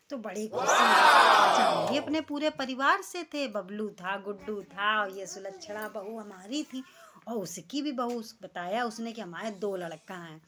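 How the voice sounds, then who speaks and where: A middle-aged woman spins a homely family story for her vlog, chatty and expressive, her voice sitting at an ordinary middle pitch for a woman. She talks the way she would to neighbours over tea. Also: a little hiss or hum. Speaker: vlogger. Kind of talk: casual storytelling.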